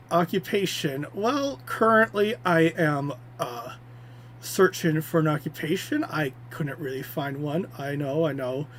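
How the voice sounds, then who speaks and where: A slightly high-voiced man talks into a livestream microphone, rambling and self-deprecating with nervous energy. A faint hum sits under his voice. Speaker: VTuber streamer. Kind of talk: debut livestream self-introduction. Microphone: streaming microphone.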